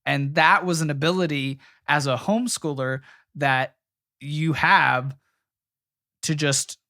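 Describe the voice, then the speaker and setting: A man's voice: fairly high pitch, slow pace, bright, forceful tone, no room sound, clean studio sound. A young adult man co-hosting a casual podcast chat, talking loosely with many "you know" fillers. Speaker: podcast co-host.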